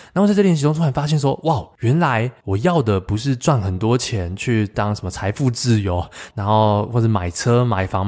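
A young adult man hosting a solo podcast, telling a personal story in a reflective way, often pausing and restarting his sentences. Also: mid-range voice, darkish tone. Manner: reflective, halting with many fillers and restarts. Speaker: podcast host.

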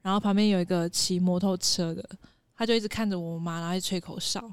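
A woman's voice: lowish voice, steady tone, fast talker, clean tone, no echo, studio quality. A woman telling a story among friends in a casual guessing game, teasing and laughing often.

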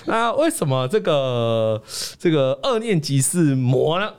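A man hosting a stock talk show, joking and reading a viewer's letter aloud in animated casual chat. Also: a little high, a little slow, a little hiss or hum.

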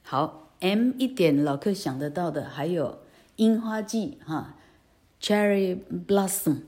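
A woman's voice: fairly low pitch, expressive, measured pace, dark tone, breathy edge. A woman teaching English pronunciation, often ending phrases with a tag "ha" and carefully modeling the sounds. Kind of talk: online pronunciation lesson.

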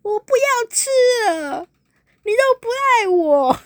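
A woman's voice: very animated, slow pace, no echo, clean studio sound, heavily acted. A woman voicing a sulky, tearful young woman who is hurt and whines on the edge of tears. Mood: hurt, whining. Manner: high, whining, on the edge of tears.

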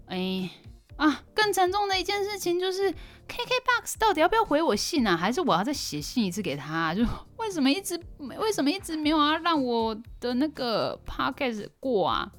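A woman's voice: high voice, sing-song, moderate pace, soft background music. A young woman hosting a casual solo podcast. She tells stories expressively, and her voice jumps up when she is surprised. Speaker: podcast host.

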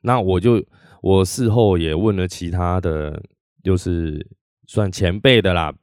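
A man, a podcast host and musician, telling a story in a casual monologue, animated, acting out quotes and often restarting his sentences. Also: deep voice, unhurried, dry recording, clean studio sound.

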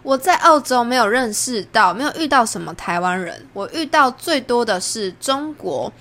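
A woman's voice: animated, moderate pace, a bit bright. Chatty young Taiwanese woman telling stories. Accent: Taiwanese Mandarin. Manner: chatty, acts out quoted lines with big pitch jumps. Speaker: podcast host. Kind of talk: casual storytelling monologue.

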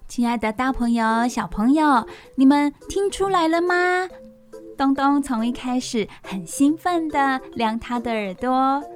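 Woman, high-pitched, sing-song storyteller reading to toddlers, questioning, music behind. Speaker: children's radio storytelling host. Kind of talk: reading a picture book aloud to young children.

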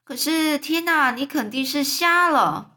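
Lady reading as a bright little boy who stays calm and patient, storybook voice. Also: sits high, a little slow, voice pushed up, heavily acted. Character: clever, patient young boy.

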